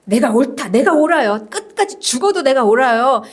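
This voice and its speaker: A woman's voice: high voice, sing-song, normal speed. A woman pastor voicing a stubborn, despairing man who insists he is right, in a defiant, insistent way.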